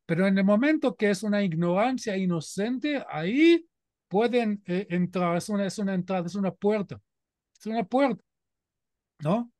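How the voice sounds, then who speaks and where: High-voiced, earnest man with an Israeli accent. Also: animated, normal speed, a little mellow, no echo. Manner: earnest and emphatic, with frequent rhetorical "¿no?". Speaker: guest speaker. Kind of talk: informal talk to a community audience.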